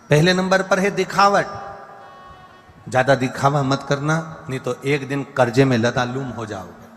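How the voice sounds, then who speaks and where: A man's voice: a little high, fairly bright tone. Preaching man in a reverberant hall. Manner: repetitive emphatic lists, breaks into song. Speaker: katha preacher. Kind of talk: devotional sermon with sung verses. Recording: live hall reverb with faint music.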